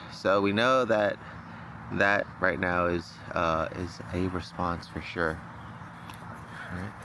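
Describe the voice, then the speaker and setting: A man's voice: low voice, background noise. A man working as a dog trainer, explaining a training demonstration in a casual, think-aloud way outdoors. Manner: informal, thinking aloud, checking with "right?".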